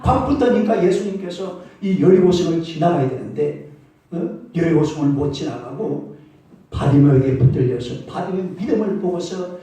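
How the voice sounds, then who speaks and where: A man's voice: a little high, moderate pace. A man preaching a sermon as pastor, telling stories vividly and calling out to the congregation. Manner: animated storytelling, calls out for congregation replies. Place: church sanctuary. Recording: echoey church hall from a distance.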